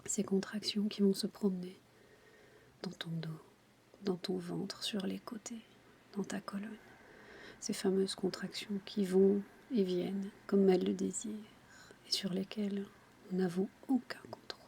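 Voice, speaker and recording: A woman speaks in a close, intimate whisper, entirely breathy. She gives soothing relaxation instructions at a very slow pace with little melodic movement. A faint ambient noise sits behind her voice. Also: medium pitch, little pitch movement, dark tone. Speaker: relaxation guide for childbirth. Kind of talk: whispered ASMR guided relaxation.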